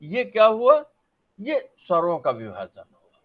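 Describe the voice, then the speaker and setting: A man's voice: high voice, huge pitch swings, a little slow. A middle-aged man giving a classroom lecture to a camera, sounding out examples and answering his own questions. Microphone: facing a camera. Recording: dull lo-fi recording.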